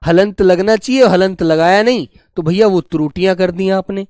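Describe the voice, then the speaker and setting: A man teaching a spelling class online, coaxing his students and slowly repeating words to show how they are said. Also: sits high, a little mellow, clear, resonant tone, no echo, clean studio sound. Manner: coaxing, keeps calling students "beta" and "bachche". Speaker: Hindi teacher.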